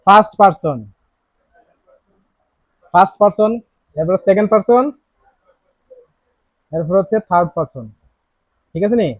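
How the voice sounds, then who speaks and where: With a high, slightly mellow and husky voice, a man teaches grammar with a tinge, firing lots of questions at his students and going back over key words. The sound is dry, somewhat dull lo-fi.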